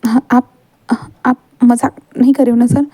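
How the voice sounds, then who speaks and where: A woman voicing a young male student in a fan story read aloud. The student pleads softly and hesitantly, often repeating words. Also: a little high, flat delivery, moderate pace, no echo, lightly acted. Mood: disbelieving.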